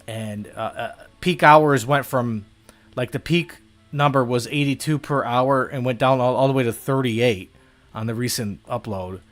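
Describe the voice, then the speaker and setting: Man, casual gaming stream chat, hesitant and rambling, soft music in the background. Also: medium pitch, a little slow. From United States. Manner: rambling, hesitant, self-deprecating.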